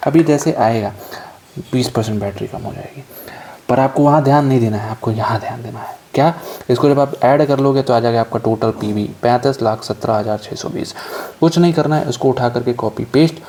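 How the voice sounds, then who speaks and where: A man teaching finance as a tutor, walking through worked examples step by step in a chatty way. He repeats steps in quick drills and adds joking asides. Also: medium pitch, dark tone, a little hiss or hum. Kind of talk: screen-recorded worked-example lesson.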